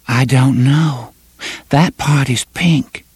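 A man voicing an entranced young woman in an audiobook, speaking in a faint, dreamy, slow way. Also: mid-range voice, darkish tone, slightly rough, dry recording, voice pushed up. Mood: dazed.

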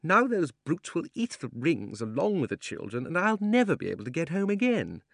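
A male reader doing a peevish, cowardly old gentleman whose voice climbs to a thin, shrill whine. The self-pity comes through in a pinched, strained tone with a different colour from the reader's own deep voice. The recording is close and dry, like a storybook read-aloud. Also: wildly swooping pitch, moderate pace, gravelly, no room sound, heavily acted. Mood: panicked whining.

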